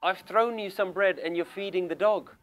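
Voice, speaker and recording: A man's voice: sits high, moderate pace, faint music behind, voice pushed up, close to an everyday voice. Scornful rich man, as a male teacher puts him on. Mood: mocking. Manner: mocking, incredulous.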